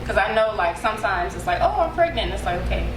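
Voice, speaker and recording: A woman's voice: mid-range voice, very animated, fast. A woman moderating a group discussion, asking questions in a casual, conversational way. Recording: echoey noisy room.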